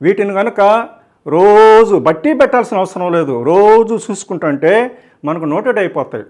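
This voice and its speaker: A man with a Telugu accent leads a grammar lesson in a notably high voice. He recites verb forms in a steady, drill-like rhythm and says each one twice. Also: fairly quick. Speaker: English grammar teacher.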